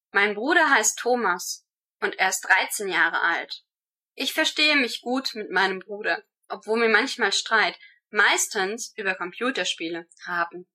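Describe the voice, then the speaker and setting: Bright-voiced woman reciting exam answers. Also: mid-range voice. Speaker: student answering exam questions. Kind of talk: rehearsed German speaking-exam answers.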